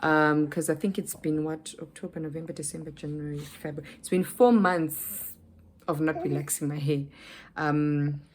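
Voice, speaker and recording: A woman's voice: low-pitched, fairly even intonation, normal speed. A young South African woman vlogging in casual chat, telling a rambling story with lots of fillers and restarts.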